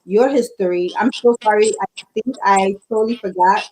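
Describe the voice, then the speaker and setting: A woman's voice: medium pitch, moderate pace, a little mellow, poor audio. A woman hosting a livestream interview over a video call, upbeat and fond of asking "right?" and "okay?". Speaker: livestream host. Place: indoors at home. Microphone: earphone mic on video call.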